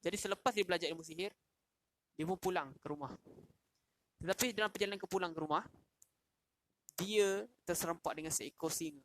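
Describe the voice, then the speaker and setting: A man's voice: sits high, fairly quick, pauses often, a bit bright. A man, telling a story in a casual livestream lesson and asking questions. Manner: casual, with fillers and restarts, asks the audience questions. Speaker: Quran class teacher.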